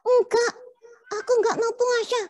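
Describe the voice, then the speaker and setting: A woman's voice: very high-pitched, level tone, measured pace, darkish tone. A woman voicing a cheeky little girl puppet in a children's puppet show, talking bluntly and childishly. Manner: childish, blunt, mixes in Javanese words.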